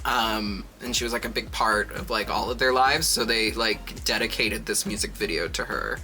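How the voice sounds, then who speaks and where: A man's voice: fairly low pitch, normal speed, sharp tone, faint music behind. A man with a sassy drag queen manner, giving casual, dramatic and emphatic reaction commentary.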